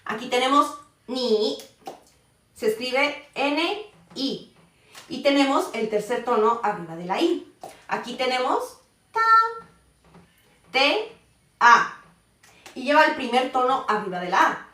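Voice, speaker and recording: A woman's voice: sits high, expressive, measured pace, long pauses, pushed and bright. A woman teaching a live online Mandarin class, explaining patiently and often checking in with "ok?". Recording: roomy echo, voice far from the mic.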